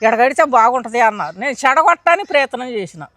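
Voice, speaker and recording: A woman's voice: on the high side, lively intonation, fast talker, fairly bright tone, no echo. An older woman gives an earnest, pleading testimony of her faith in an interview. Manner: earnest, pleading, acts out her own past prayers. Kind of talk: emotional testimony.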